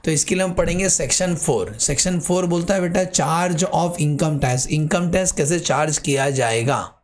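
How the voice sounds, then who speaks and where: A man in middle age with an Indian accent gives a tax lecture in a voice pitched a little above the usual for men. He talks to students as "beta", quizzing them and answering himself. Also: moderate pace. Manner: addresses students as "beta", asks and answers his own questions. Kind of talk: classroom lecture.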